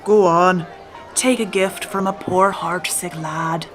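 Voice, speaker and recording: A woman's voice: lowish voice, fairly even intonation, takes it slowly. A roguish pirate captain, acted out by a woman storyteller, boastful and flirtatious in a thick stage pirate brogue. He speaks heartily and coaxingly, with music playing behind him. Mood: wooing, boastful.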